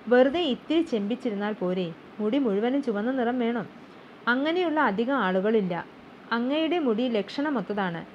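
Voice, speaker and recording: A woman's voice: on the high side, expressive, moderate pace, close to an everyday voice. A woman voicing an eager, persuasive male shop assistant, coaxing and upbeat, in a storybook reading. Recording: slightly dull with faint hum.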